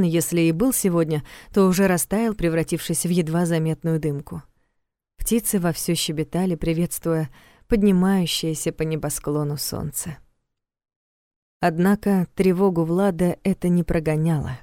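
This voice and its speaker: A woman reading a mystery thriller audiobook in a calm, measured storytelling manner, close to the mic. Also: fairly low pitch, no room sound. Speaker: audiobook narrator. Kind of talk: scripted audiobook narration.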